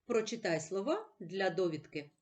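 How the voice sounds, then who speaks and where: A woman teacher giving a slow, patient reading lesson for children, asking questions and answering them herself. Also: medium pitch, big pitch swings, a little mellow. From Ukraine.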